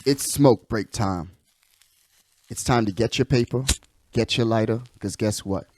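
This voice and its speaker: Faint music sits behind this man's lowish, unhurried voice, recorded with no echo. Hosting a sports show, he gives slangy, casual commentary, hyping his points, repeating phrases for emphasis and checking in often.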